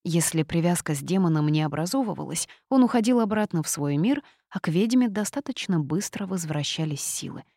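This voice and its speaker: A woman reading a first-person story as a young witch, in a lively, teasing telling. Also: on the low side, fairly quick, hardly any pauses, no room sound, clean studio sound. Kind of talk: audiobook reading.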